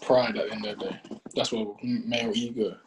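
A man's voice: lowish voice, steady tone, fairly quick, background noise. A young man with a London roadman accent in casual chat, slangy and repeating phrases for emphasis. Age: young adult.

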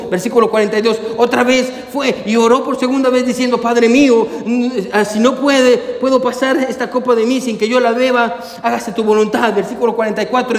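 A man preaching a sermon as pastor, with bursts of emphasis, again and again calling out to his listeners as brothers. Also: very high voice. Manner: preaching with bursts of emphasis, repeatedly addressing "hermano". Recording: echoey hall, long reverb.

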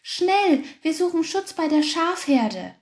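A woman's voice: sing-song, takes it slowly, darkish tone, roomy sound, full character voice. A woman voicing a timid little hare that is easily frightened, in a storybook reading. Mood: panicked. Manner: fearful, squeaky.

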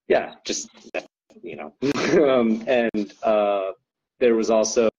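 Low husky man, rambling casual talk. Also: darkish tone, dull audio. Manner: rambling, full of ums and likes, laughs often. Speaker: guest co-owner describing an ultra race. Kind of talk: casual podcast chat.

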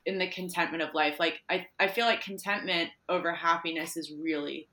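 A woman's voice: lowish voice, steady tone, a little fast, sharp tone, roomy sound. A woman hosting a podcast interview, talking reflectively in loose, run-on phrases. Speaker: podcast host. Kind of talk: casual interview chat.

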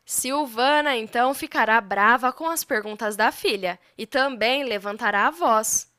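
A woman's voice: a little high, moderate pace, clean tone, no echo, studio quality. A woman with a Brazilian Portuguese accent narrating a soap opera plot summary. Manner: steady storytelling in future tense.

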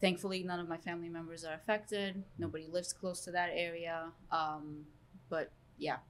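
A woman's voice: on the low side, flat delivery, normal speed, a little hiss or hum. A woman from Turkey, a real estate agent, earnestly recounting a story as a podcast guest. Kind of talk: casual podcast interview.

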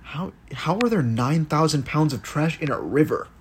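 A man's voice: fairly high pitch, lively intonation, normal speed, husky. A man co-hosting an informal chat, reading out items and commenting in slangy, loose language. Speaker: podcast co-host.

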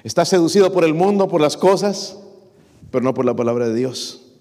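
A man's voice: expressive, normal speed, mellow, big-room sound. A middle-aged man preaching a sermon to his congregation, reading scripture verses aloud and calling them brothers, with frequent rhetorical questions. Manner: reads scripture aloud, rising in pitch and force on verses. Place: church.

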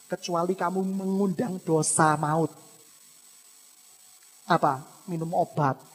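A man preaching a sermon as pastor, moving between hushed asides and loud, dramatic passages, and asking the congregation questions. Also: on the high side, fairly even intonation, slow, husky. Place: church hall. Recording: echoey church hall.

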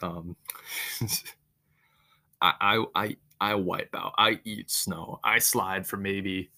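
A young man hosting a podcast on his own, telling a story in a monotone, casual way with faint guitar music behind. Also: lowish voice. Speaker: podcast host.

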